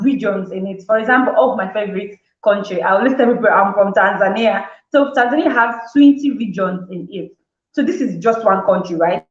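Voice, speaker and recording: A woman hosting a talk show, explaining in a casual, chatty way, often acting out listeners' amazed reactions and restarting her words. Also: mid-range voice. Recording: roomy, dull lo-fi sound.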